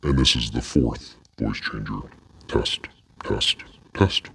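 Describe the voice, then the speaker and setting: A man talking through a deep pitch-shifted voice changer effect, reading test phrases in a slow, flat monotone for a product demo. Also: slightly rough, in a whisper, exaggerated voice.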